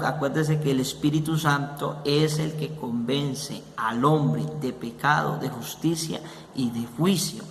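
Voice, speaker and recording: A man from Colombia leads a church Bible lesson in a solemn, measured, preacherly way. His voice is fairly high for a man. It rings with a long reverb, echoing around a hard room. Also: fairly bright tone, slight background noise. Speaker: church Bible class teacher. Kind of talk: online Bible lesson with slides.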